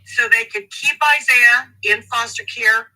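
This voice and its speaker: A woman advocate in an interview, speaking emphatically and indignantly, slowing down to stress key words. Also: a little high, fairly even intonation, sharp tone, recorded from a distance, rough recording. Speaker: advocate for a family in a custody case. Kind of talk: interview guest, reading court documents.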